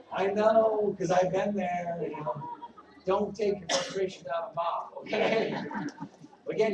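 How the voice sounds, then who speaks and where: Animated man coaching a room. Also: sits high, background noise. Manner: animated, salesy, joking with the audience. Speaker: recruiting trainer speaking to a team. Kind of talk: live motivational training talk. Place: meeting room at a regional event. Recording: echoey room from a distance, faint ambience.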